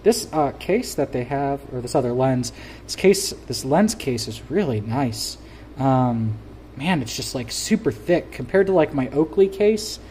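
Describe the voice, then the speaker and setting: Mellow-voiced man chatting through an unboxing. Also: medium pitch, animated, a little slow, a little hiss or hum. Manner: chatty and enthusiastic, with frequent fillers and laughs. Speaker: gear reviewer. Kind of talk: casual unboxing commentary.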